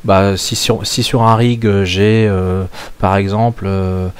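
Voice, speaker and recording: A man's voice: fairly low pitch, level tone, slow, clear, resonant tone. A man from France explaining a topic in a casual screen-share tutorial, thinking aloud with many filler sounds. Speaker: crypto mining channel host.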